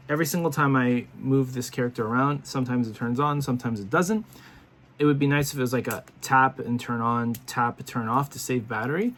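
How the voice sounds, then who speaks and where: A man casually reviewing action figures to camera, chatty and rambling with lots of fillers and restarts, sounding tired and yawning. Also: mid-range voice. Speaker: toy reviewer.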